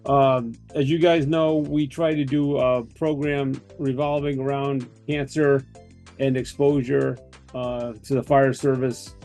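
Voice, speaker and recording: A man's voice: medium pitch, little pitch movement, measured pace, darkish tone, faint music behind. A man hosting an online webinar, speaking loosely with many fillers and restarts. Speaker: host.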